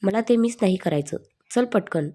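A woman's voice: mid-range voice, lively intonation, normal speed, dark tone, lightly acted. A woman voicing an eager young woman. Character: lively emotional young woman.

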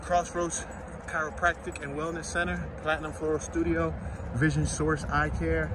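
Walking down a city sidewalk, a man in his early thirties gives an informal tour, reading aloud street names and signs along the way. He speaks at a moderate pace in a slightly high, level voice, and the recording picks up street traffic and surrounding outdoor noise.

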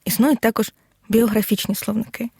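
A woman teacher giving a scripted audio lesson, explaining in a measured way and reading examples out one by one. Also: a little high, level tone, a little mellow, husky, dry recording, clean studio sound. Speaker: Ukrainian language teacher.

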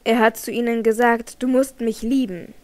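A woman's voice: a little high, steady tone, moderate pace, close to an everyday voice. A woman voicing a jealous, agitated young male nobleman in an audiobook, heated and accusing. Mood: angry accusing. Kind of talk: audiobook character reading.

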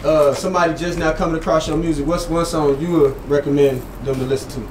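A man hosting a casual interview, laid-back and quick to agree. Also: on the high side, steady tone, darkish tone. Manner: laid-back, affirming with "for sure". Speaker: podcast host. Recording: roomy echo, off-mic, noisy.

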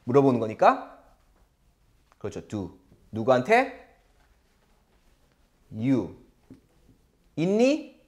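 A man with a Korean accent teaching an English lesson, drilling phrases slowly and explaining with animated delivery. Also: medium pitch.

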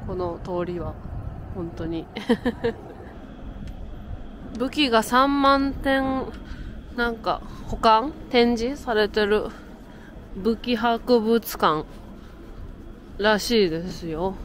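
A woman's voice: on the high side, extremely slow, pauses often, fairly bright tone, a little hiss or hum. A woman, chatting to her camera as she walks around a city outdoors, laughing often. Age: 30s. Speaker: travel vlogger. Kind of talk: casual travel vlog narration. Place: outdoors in a windy, cold city.

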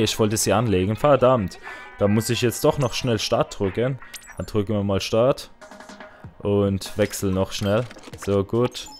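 A man giving casual, excitable commentary while playing a video game online, with sudden loud high outbursts. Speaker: gaming let's player. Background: faint game music.

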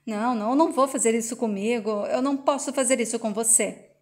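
A woman's voice: a little high, fast talker, darkish tone, lightly acted. A woman voicing a distraught father who pleads and repeats himself, reading his lines in a retold soap scene. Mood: pleading. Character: distraught father refusing to give daughter away.

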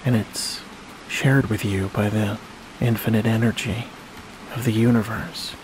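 Short, calm phrases and long silences mark this sleep meditation, led by a hypnosis guide whose lowish voice stays very even and slow. Rain-like noise washes clearly in the background.

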